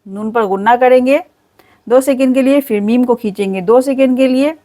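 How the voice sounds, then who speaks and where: A woman teaching Quran recitation step by step, spelling out letters and then reciting each word slowly and drawn out. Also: fairly high pitch, warm tone.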